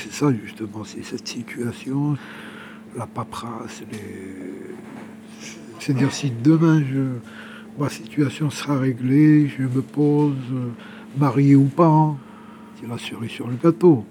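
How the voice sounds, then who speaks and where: Slight background noise sits under a medium-pitched, dark-toned voice moving at a measured pace. The man, a Kabyle from Algeria in his 60s, is an exiled journalist without a home, speaking as an interviewee. His testimony is informal and personal, marked by repeated words as he looks for the next.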